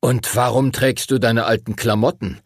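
A man voicing a gruff, impatient male teacher who grumbles curt remarks. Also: mid-range voice, steady tone, moderate pace, no room sound, studio quality, lightly acted.

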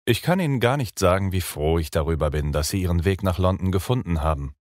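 A man's voice: low-pitched, animated, fast, darkish tone, no echo, clean studio sound. A man voicing a doctor who eagerly greets his former teacher. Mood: relieved.

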